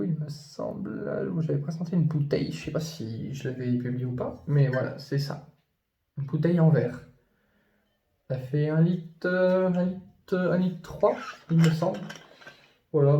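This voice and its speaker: A man chatting casually about his new purchases, rambling with many fillers and restarts, and gushing when excited. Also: fairly high pitch, reverberant, highs cut off. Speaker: YouTuber showing his purchases. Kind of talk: casual unboxing chat.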